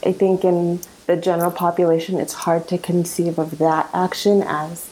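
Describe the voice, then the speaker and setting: Thoughtful low-voiced woman from Canada. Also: little pitch movement, normal speed, warm tone, rough recording. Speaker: panel participant. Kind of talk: reflective personal account.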